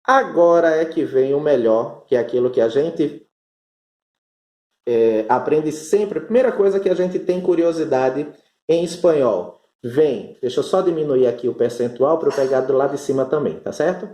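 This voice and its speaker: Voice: mid-range voice, normal speed, dark tone. A teacher with a Northeastern Brazilian accent, giving an online Spanish lesson and patiently drawing out each term. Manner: explains patiently, stretching out Spanish terms. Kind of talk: online class explanation. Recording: roomy echo.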